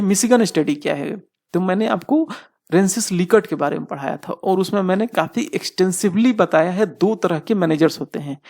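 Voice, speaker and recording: A man's voice: sits high, gravelly, a little mellow. A man teaching a lecture, posing questions and answering them himself while often checking in with his students. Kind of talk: explanatory lecture.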